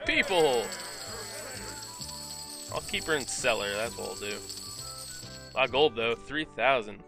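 This let's play commentator has a medium-pitched, very animated voice and takes his time. He jokes his way through the video game he's playing and reads its text aloud in goofy voices, with game music underneath.

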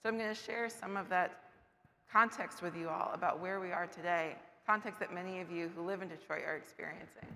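Woman panelist, hoarse, bright tone, echoing market hall, faint hum. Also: lowish voice, fairly even intonation, fairly quick. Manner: earnest presenter walking through slides. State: losing her voice. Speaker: panelist presenting data. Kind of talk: public talk. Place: large covered market shed. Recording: distant voice with long hall reverb.

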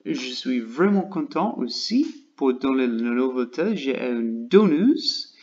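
Male host, American, non-native French speaker; unhurried, hesitant casual vlog delivery; slightly muffled lo-fi audio. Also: medium pitch, big pitch swings, a little mellow. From United States. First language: English. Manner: halting learner's French, searching for words with many pauses. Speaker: channel host.

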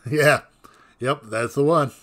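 Slow-talking laid-back male streamer. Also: on the high side, creaky, a bit bright. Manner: laid-back, swearing, chatty. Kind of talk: casual gameplay commentary.

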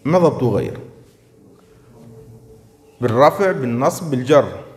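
A man teaching a grammar class who often checks that his students follow and slows down to stress each example he reads out. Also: medium pitch, big pitch swings, in a large hall. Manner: checks understanding with frequent questions to students; slows down and stresses words when reading out examples. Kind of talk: classroom lesson.

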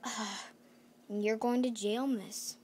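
A stern undercover police officer, firm and matter-of-fact with the odd stumble over words, as a woman plays the part in a doll-mystery story. Slightly high voice over a faint background hiss. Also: steady tone, slow, a little mellow. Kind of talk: playful doll-mystery acting.

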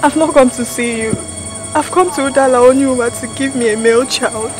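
A woman's voice: high-pitched, steady tone, fairly quick, music in the background, lightly acted, low-quality recording. A woman playing an anxious, humble queen in a film drama, plaintive and pleading, with a Nigerian accent. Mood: confused, insistent.

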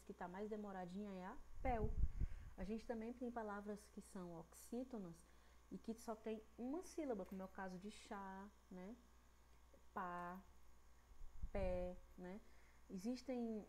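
A woman's voice: medium pitch, warm tone, slight background noise, low-quality recording. A Brazilian woman teaching an online grammar lesson to young children, stretching out syllables patiently and checking in often with the class. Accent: Brazilian Portuguese. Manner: patient, drawn-out syllables, frequent "né?" and "certo?" checks. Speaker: primary school teacher.

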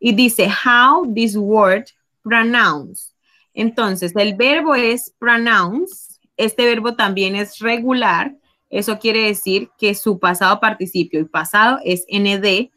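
Slow, patient woman teaching a class. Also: mid-range voice, sharp tone. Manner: patient, explains step by step and prompts students. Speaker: English teacher. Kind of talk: online class explanation.

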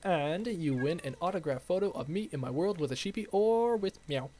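A young man hosting a game video, chatting in an excitable, rambling way to his viewers. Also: on the high side, normal speed, a little hiss or hum. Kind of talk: playful let's-play commentary.

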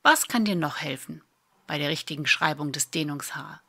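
A woman, teaching a spelling lesson in a patient, clear way with dry little asides. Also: low-pitched, lively intonation, normal speed, bright, forceful tone. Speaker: German spelling tutor. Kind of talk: slow explanatory lesson.

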